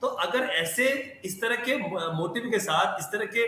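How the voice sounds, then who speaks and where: A high-pitched man joins a televised debate over a strongly echoing remote link, with a faint hiss in the background. His sharp, bright voice cuts in with insults as he talks over the other panelists. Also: a little slow. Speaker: party spokesperson. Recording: very echoey remote feed with faint noise.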